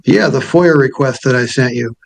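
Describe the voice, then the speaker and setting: Male defendant on a video call, mid-pitched, stubborn, combative in argument, keeps interrupting. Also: moderate pace, vocal fry. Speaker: self-represented defendant. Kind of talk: arguing in court.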